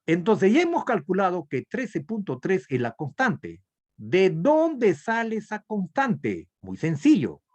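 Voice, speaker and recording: Peruvian male instructor, slow and deliberate, very lively pitch, online lecture, answers his own questions. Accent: Peruvian Spanish. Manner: asks questions and answers them himself, step by step. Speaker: nursing instructor. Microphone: video call.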